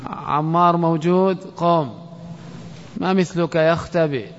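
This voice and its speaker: A man's voice: a little high, steady tone, measured pace, slight background noise. A man teaching a classroom grammar lesson, quizzing students and calling on them by name. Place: classroom or mosque hall. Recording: lo-fi recording with long hall reverb.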